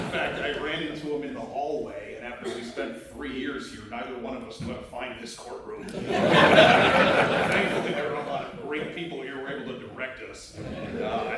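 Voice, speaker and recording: A man in his forties giving a joking, self-deprecating award speech in a law school courtroom. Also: mid-range voice. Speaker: rugby alumnus presenting an award. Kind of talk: humorous tribute speech. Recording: echoey hall from far off, noisy.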